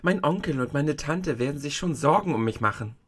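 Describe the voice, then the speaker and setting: A man reading a storybook aloud and voicing a polite, wondering young girl, higher and softer than his own voice. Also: lively intonation, a little fast, slightly rough.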